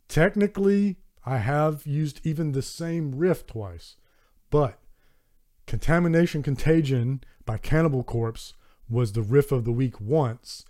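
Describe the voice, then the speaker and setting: A podcast host with a Southern American accent talks casually and solo into a close microphone, earnest and enthusiastic, offering warm thanks and often restarting sentences. His voice is mellow and dark with an average pitch.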